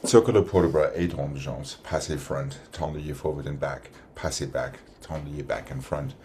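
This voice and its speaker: A man teaching a ballet class, calling out short cues and counting exercises in a steady rhythm. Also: rumbling low, moderate pace, a little hiss or hum. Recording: piano music playing in the room. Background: piano accompaniment.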